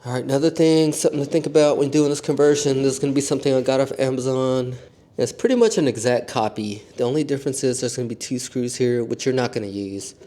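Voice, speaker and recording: Shivering man giving a mellow repair tutorial. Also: mid-range voice, fast. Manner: shivering from cold, slightly stuttering. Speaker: DIY repair demonstrator. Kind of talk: casual hands-on tutorial narration.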